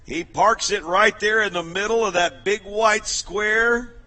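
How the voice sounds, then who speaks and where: A man calling a stock car race over the public address, energetic and rallying the crowd. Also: high voice, measured pace, a little hiss or hum. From United States. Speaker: race announcer.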